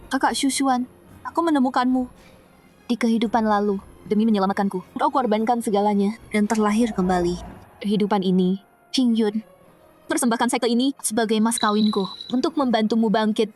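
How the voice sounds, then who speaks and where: A woman's voice: fairly high pitch, fairly quick, a little mellow, soft background music, close to an everyday voice. A woman playing a commanding, devoted female sect leader in a dubbed fantasy drama. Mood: longing, resolute.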